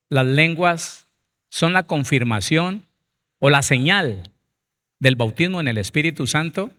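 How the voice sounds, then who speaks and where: A man's voice: fairly high pitch, a bit bright. A man, a pastor preaching a Bible seminar who speaks emphatically and addresses his listeners directly.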